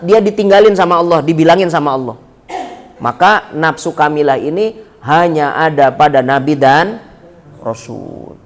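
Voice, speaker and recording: A male preacher in a mosque, his voice high for a man. He tells stories in a loose, joking way, turning to the congregation again and again. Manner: chatty storytelling, jokes, addresses the congregation often. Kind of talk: mosque sermon.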